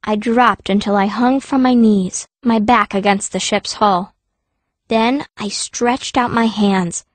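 A woman with a voice on the high side reads scripted first-person narration for a fantasy audiobook, in a dry recording. She voices the heroine, a fierce, stubborn young girl who is a stone mage telling her own story.

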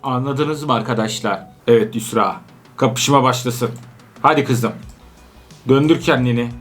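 An adult parent doing excitable gameplay commentary while playing with their daughter, laughing and calling out often. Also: medium pitch, moderate pace, soft background music. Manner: animated, laughing, frequent outbursts. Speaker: let's-play gamer playing with their daughter.

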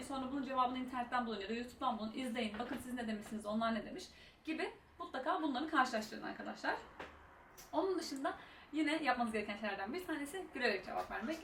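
A young woman giving casual exam-speaking tips as a tutor, talking fast and chatty with many fillers. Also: fairly high pitch, a bit bright. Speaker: IELTS tutor and YouTuber. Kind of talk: casual advice vlog. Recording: roomy echo, mic at a distance, faint room noise.

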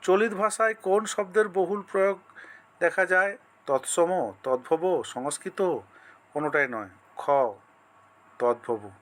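A man's voice: high-pitched, a little slow, fairly bright tone. A male teacher running an exam-prep lesson, reading out multiple-choice questions, listing each option and then giving the answer.

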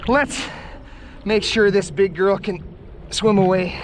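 A man filming a fishing vlog from a kayak on a windy lake, talking to his viewers and getting wildly excited as he lands a fish. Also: high-pitched, slow. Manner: excited, breathless exclamations while landing a fish. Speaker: fishing vlogger. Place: on a kayak on a lake, outdoors in the wind. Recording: faint wind noise on the mic.

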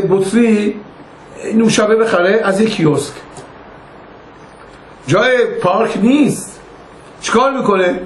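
An older man, a rabbi, giving an informal religious lesson in a conversational way, telling stories and acting out their dialogue. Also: high voice. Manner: conversational, anecdotal, acts out quoted dialogue. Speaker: rabbi teaching a class. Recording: echoey room with faint noise.

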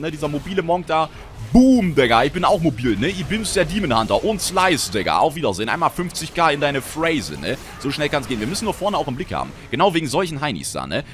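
A young man giving excitable, frustrated live commentary on his own gameplay, often cursing at teammates. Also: medium pitch, slight background noise. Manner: excitable, swearing, frustrated outbursts. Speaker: gaming commentator. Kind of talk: live Let's Play commentary.

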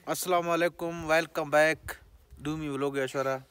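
A man's voice: fairly high pitch, fairly even intonation, unhurried, over loud music. A man from Pakistan, a vlogger chatting casually with friends, who keeps breaking into giggles. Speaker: vlogger starting the day's vlog. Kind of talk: casual vlog chat with friends.

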